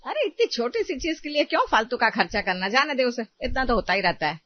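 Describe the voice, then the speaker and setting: A woman's voice: on the high side, very animated, fast, slight background noise. A woman voicing a bossy, scolding old mother-in-law in a storybook drama. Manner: sharp, scolding. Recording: dull lo-fi recording.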